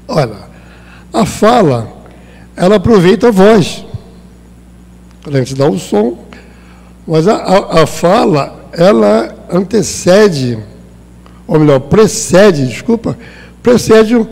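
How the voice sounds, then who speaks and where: A Brazilian man giving a spiritist lecture in a hall with long reverb. His voice sits fairly high but sounds mellow and dark. He talks in a conversational way and acts out small exchanges. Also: creaky. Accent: Brazilian Portuguese. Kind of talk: spiritist talk.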